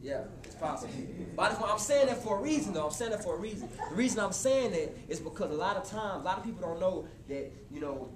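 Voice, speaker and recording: A man in his twenties giving a motivational talk to a live college audience, casual and animated, speaking straight to the crowd. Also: sits high, fast, few pauses. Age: 20s. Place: college hall before an audience. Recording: echoey hall with room noise.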